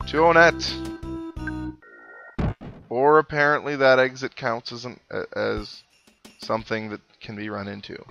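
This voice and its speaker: Medium-pitched, pushed and bright, a man hosts a game playthrough series with video game music in the background. His casual let's play commentary mixes reading game dialogue aloud with wry, musing asides.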